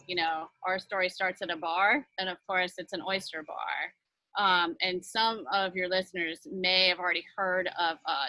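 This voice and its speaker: A woman with a lowish, sharp-toned voice appears as a guest on a video call from her front porch office. A nonprofit leader, she's chatty and upbeat in this casual interview, using lots of fillers. The recording is dry and low quality.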